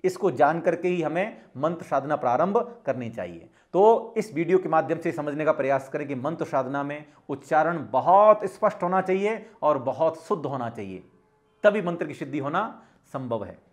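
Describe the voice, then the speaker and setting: Guy with kinda high voice giving a spiritual lesson, calm and repeats stuff. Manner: measured, instructive, repeats key points. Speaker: spiritual teacher. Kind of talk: spiritual teaching talk.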